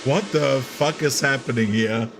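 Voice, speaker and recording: A man's voice: mid-range voice, measured pace, vocal fry, noisy background. A man streaming casually, reacting to a film with lots of laughter and swearing. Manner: excitable, laughs often, swears a lot.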